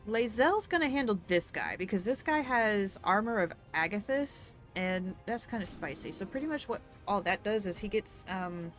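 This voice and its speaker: Faint music plays behind this gaming streamer, whose medium-pitched, expressive voice runs at normal speed with few pauses. She chats casually through her let's-play, breaking down mechanics and letting out playful outbursts.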